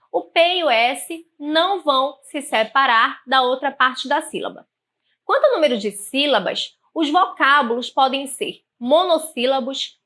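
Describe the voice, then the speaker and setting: A woman teacher with a Brazilian Portuguese accent leads an online grammar lesson in a high, bright voice. She speaks in a clear, didactic way and slows down to sound out syllables one by one.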